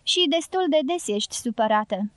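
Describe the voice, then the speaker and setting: A woman reading the part of a gentle young woman in an audiobook, soft and pleading, in a dry studio sound. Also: fairly high pitch, expressive, no echo, natural voice.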